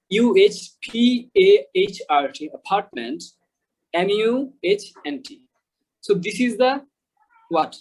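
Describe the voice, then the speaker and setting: A man's voice: sits high, breathy edge, rough recording. A man from Bangladesh teaching English pronunciation in an online lesson, explaining patiently, repeating example words and checking that listeners follow.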